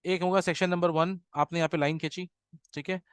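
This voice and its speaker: A patient man teaching a grammar class, repeating examples slowly and checking in with his students. His voice sits a little high and comes across smooth and crisp. The sound is dry and close, with no room echo. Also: steady tone. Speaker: Arabic teacher.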